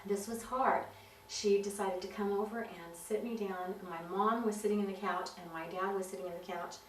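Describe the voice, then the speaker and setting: A woman giving personal testimony, telling her story in an earnest, halting way. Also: mid-range voice, fairly even intonation. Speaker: witness giving filmed testimony. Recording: roomy, distant mic with faint hiss.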